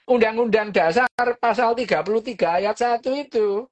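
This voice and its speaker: A woman's voice: fairly high pitch, moderate pace, darkish tone. A woman, hosting a podcast and explaining a book in a casual, chatty way, full of fillers and little jokes.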